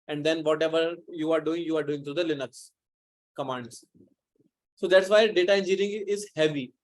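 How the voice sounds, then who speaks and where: A male instructor giving a live online lecture, explaining in a loose, rambling way with many restarts. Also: a little high.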